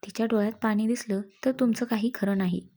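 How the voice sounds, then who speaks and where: A woman's voice: on the high side, steady tone, fairly quick, mellow. A woman voicing a grumbling but fond older brother in a read-aloud story. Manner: gruff, scolding.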